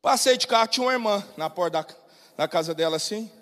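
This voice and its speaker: A man São preaching a sermon as pastor, swinging between shouted exhortation and quiet storytelling. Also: sits high, lively intonation, quick pace. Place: large church hall. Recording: long church-hall reverb.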